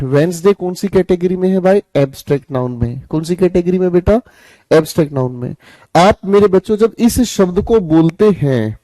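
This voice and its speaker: Male teacher, slightly high voice, jokey and coaxing, live class. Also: dark tone, dry recording. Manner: coaxing, repeats questions and answers them himself; jokey, scolds students playfully. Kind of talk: live online grammar class.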